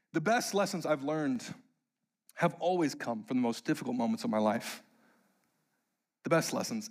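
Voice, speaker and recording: A young man preaching, telling a funny personal story and building to emphatic, animated preaching. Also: mid-range voice.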